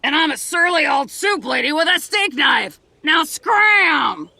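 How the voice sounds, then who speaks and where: A fierce old kitchen cook from a cartoonish adventure game. She barks belligerently in a high, gravelly, piercing voice, surly through and through. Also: lively intonation, unhurried, bright, forceful tone, dry recording, heavily acted. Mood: irate, scornful. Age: older. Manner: belligerent, barking. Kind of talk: video game character acting.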